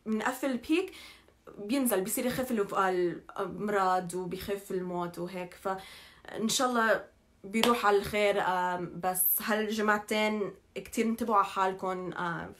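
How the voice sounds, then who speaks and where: A woman with an English-influenced Levantine Arabic accent gives an informal public update, haltingly, correcting herself and mixing in English terms. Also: mid-range voice, steady tone. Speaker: community update presenter.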